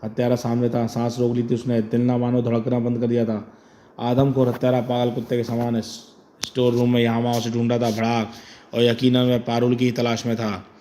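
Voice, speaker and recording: A man's voice: medium pitch, completely flat delivery, fairly quick, warm tone, a little hiss or hum. A man narrating a horror comic with dramatic emphasis.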